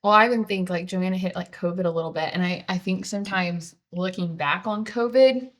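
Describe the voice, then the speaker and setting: A woman's voice: fairly low pitch, brisk. Playful teasing woman co-host. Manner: teasing, playful asides, laughs. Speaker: podcast co-host. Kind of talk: casual podcast chat.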